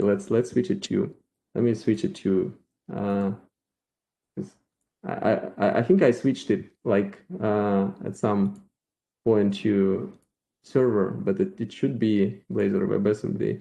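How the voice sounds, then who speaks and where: A man with a Russian accent giving a live software demo at a meetup, thinking aloud with halting restarts. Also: lowish voice, gravelly. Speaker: featured speaker at a developer meetup.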